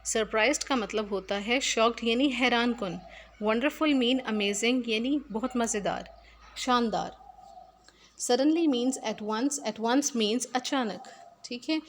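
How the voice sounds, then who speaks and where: Slow, explaining woman teacher. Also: fairly high pitch, a little hiss or hum. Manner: slow, explanatory, repeats key words. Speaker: English teacher. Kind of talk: recorded classroom lesson.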